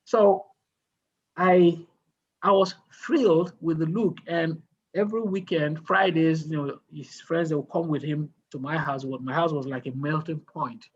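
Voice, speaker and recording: A man's voice: a little high, steady tone, a little slow, slightly rough, dull audio. A man, mentoring a group in casual talk on a video call, asking questions and telling stories with many restarts. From Nigeria.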